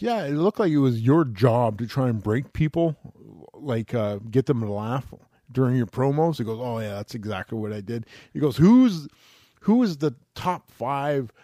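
Male podcast co-host, casual and excitable, swears freely, acts out quotes, dry recording. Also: mid-range voice, moderate pace, dry recording. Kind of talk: casual chat.

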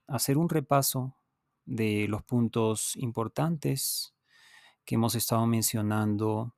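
This is an unscripted teaching podcast from a language teacher, a native Spanish speaker with a fairly low, darkish voice. He goes at a very slow pace, pausing, repeating and addressing the listener directly as he works through each point, and the recording is close and dry without any echo.

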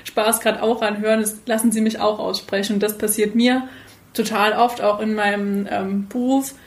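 A woman's voice: mid-range voice, flat delivery, moderate pace. A young woman talking as a guest on a podcast, speaking casually and thoughtfully with some hesitations. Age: young adult.

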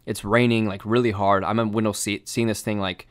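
A young man telling a story in casual chat, animated and swearing, full of fillers. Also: fairly low pitch, brisk.

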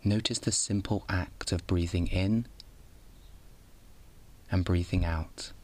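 A man with a low voice guides a bedtime meditation in the manner of a sleep story narrator. He gives each instruction calmly and without hurry, keeping a soothing tone. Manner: calm, soothing, unhurried instruction.

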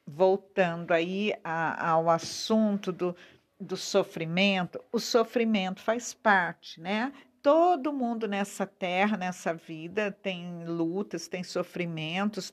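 A Brazilian woman speaks to the viewer in an earnest devotional talk, with her voice sitting at an ordinary middle pitch. She talks slowly, drawing out each key word for weight. She often pauses to check in with a soft "né?". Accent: Brazilian Portuguese. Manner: slow, earnest, drawn-out emphasis, frequent "né?". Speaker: preacher.

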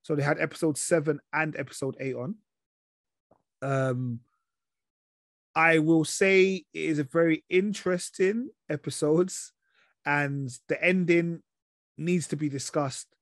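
A man's voice: a little high, fairly even intonation, measured pace, long pauses, no echo, clean studio sound. A man with an urban London roadman accent and slangy delivery, hosting a casual chat reviewing TV shows. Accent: London, urban street slang. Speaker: podcast host.

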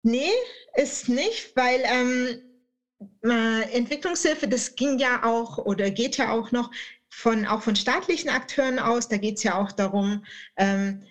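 On the high side and unhurried, the voice belongs to a woman in her late thirties from southern Germany. She is an author guesting on a podcast, chatting in a playful, colloquial way during a casual interview.

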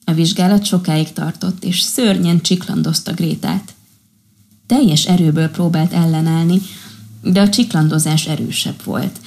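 A woman narrating a children's storybook in a calm, expressive reading style. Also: lowish voice.

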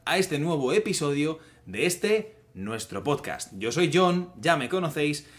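A man opens his podcast in an upbeat, welcoming way. His voice sits a little high for a man. He introduces his co-hosts in a casual, chatty tone. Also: big pitch swings, a little slow. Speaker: podcast host.

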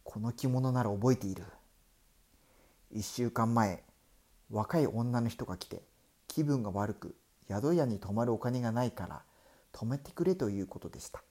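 A man playing an older temple monk who calmly explains in a Japanese folk tale. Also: mid-range voice, moderate pace, lightly acted. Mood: explaining.

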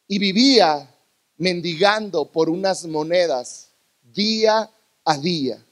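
A male preacher with a strikingly high voice delivers a sermon to his congregation in a church. He preaches dramatically, surging into loud bursts and then dropping to hushed tones. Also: expressive, slow pace.

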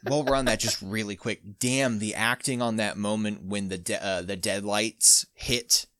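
A man's voice: lowish voice, fairly even intonation, moderate pace, fairly bright tone, no room sound, studio quality. A man hosting a podcast, reading a story aloud with jokey asides. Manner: laughs often, jokey asides. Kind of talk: casual read-aloud with banter.

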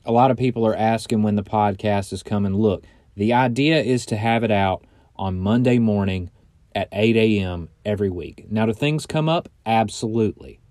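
A man's voice: on the low side, darkish tone, dry recording, studio quality. A man hosting his podcast from inside a bedroom closet, chatting loosely and joking in a casual, rambling way. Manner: loose, chatty and joking, with frequent fillers and mild swearing. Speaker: podcast host. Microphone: close studio mic, audio only.

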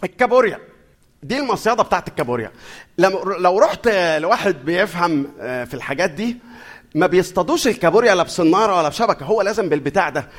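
A middle-aged man with an Egyptian accent preaching a sermon in a lively, conversational way, putting questions to his audience. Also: high voice, racing. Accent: Egyptian Arabic.

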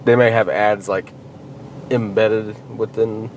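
Male podcast co-host, deepish voice, offhand and chuckling, faint noise floor. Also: flat delivery, slow pace, darkish tone, poor audio. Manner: laughs often, reads headlines aloud loosely. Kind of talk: casual chat.

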